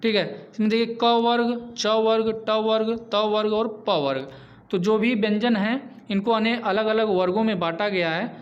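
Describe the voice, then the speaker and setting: High-voiced man teaching Hindi grammar. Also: normal speed. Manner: repeats examples, frequent "theek hai" check-ins. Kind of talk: online lesson. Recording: dull lo-fi recording.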